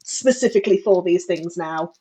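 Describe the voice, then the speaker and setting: A woman's voice: fairly low pitch, normal speed, dark tone, slight background noise. A woman acting as game master, narrating and refereeing a tabletop role-playing game in casual speech.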